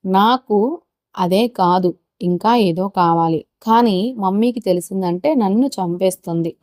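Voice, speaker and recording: Woman narrator voicing an anxious teen girl, trembling delivery, warm dry sound. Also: mid-range voice, unhurried, dry recording, lightly acted. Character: nervous teenage girl, cautious.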